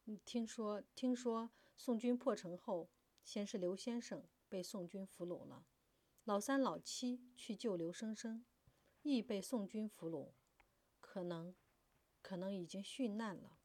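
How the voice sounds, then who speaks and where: A woman voicing a shaken young brother who speaks quietly and falteringly. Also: medium pitch, a little slow, no room sound, lightly acted. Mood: hesitant.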